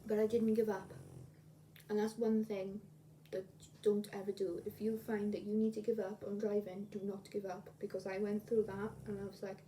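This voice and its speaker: A woman's voice: medium pitch, level tone, moderate pace, dark tone. A woman, chatting casually to camera in a rambling, repetitive way as a video blogger. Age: 20s. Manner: rambling, repeats herself. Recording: distant mic, clear room noise.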